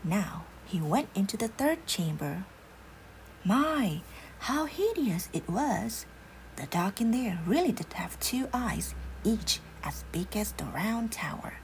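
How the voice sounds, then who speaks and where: A woman narrating a fairy tale in a hushed, unhurried whispered role-play. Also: medium pitch, big pitch swings, vocal fry, slight background noise, low-quality recording. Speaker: storyteller.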